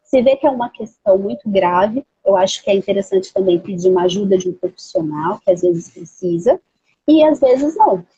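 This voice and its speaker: A woman, a guest in a casual conversation, speaking in a measured, reflective way. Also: medium pitch, lively intonation, mellow, breathy edge, highs cut off. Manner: measured, reflective, many fillers like "assim" and "né".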